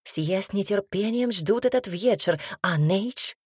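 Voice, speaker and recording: An imperious duchess who drags her words out and presses every point, as a woman reader puts her on. She sits a little below the reader's usual pitch and gets loud with alarm. The audiobook sound is dry and close. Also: expressive, unhurried, slightly rough, no room sound. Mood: insistent. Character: imperious duchess, middle-aged woman, emphatic and pushy. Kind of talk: audiobook character reading.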